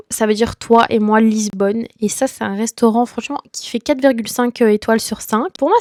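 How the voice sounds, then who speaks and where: A woman's voice: on the high side, no echo, studio quality. A young woman giving casual, enthusiastic travel tips straight to the viewer. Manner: chatty, enthusiastic, addresses viewer as tu. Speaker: travel vlogger.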